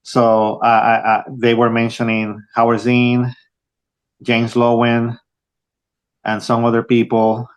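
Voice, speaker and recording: A younger man from Rico, answering interview questions as an author, halting with many restarts. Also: mid-range voice. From Puerto Rico. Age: young adult. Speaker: author guest.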